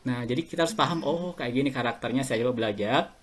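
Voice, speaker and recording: A middle-aged Indonesian man, interviewed as a guest alumnus on a laid-back podcast, swaps anecdotes and chuckles while talking. He has a mid-range voice and a quick pace.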